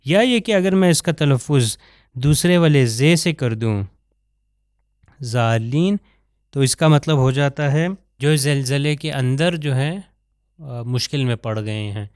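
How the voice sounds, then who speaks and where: A man teaching Quran recitation over slides, explaining letters and then slowly drawing out sample verses. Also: mid-range voice, darkish tone, clean tone, dry recording, studio quality. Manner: slow drawn-out sample recitations between explanations. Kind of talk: pronunciation lesson over slides.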